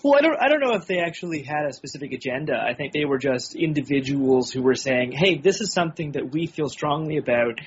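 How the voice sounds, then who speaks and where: A man thinks out loud in a casual group chat, hedging as he goes. His voice sits slightly high and sounds husky. The recording is dull and lo-fi. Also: animated, quick pace, hardly any pauses. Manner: thoughtful, hedging.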